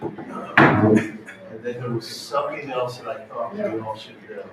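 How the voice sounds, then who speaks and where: A man's voice: mid-range voice, far from the mic, heavy background noise. Man introducing a guest in an echoey hall. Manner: friendly, halting with fillers. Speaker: program host introducing a guest. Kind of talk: casual announcements. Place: church hall.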